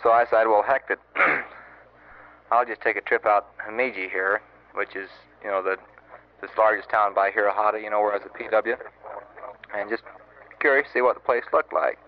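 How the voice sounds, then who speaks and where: A young man, a Marine sergeant, telling a long story in a rambling, halting way on an old wire recording. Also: lowish voice, steady tone. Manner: rambling and halting, many fillers and restarts. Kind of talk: casual spoken letter, storytelling. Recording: muffled old wire recording with faint hiss.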